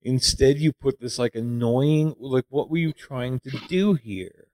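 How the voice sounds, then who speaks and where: A man's voice: medium pitch, a little slow, darkish tone, dry recording. A man co-hosting a casual movie review chat, rambling and critical with lots of fillers.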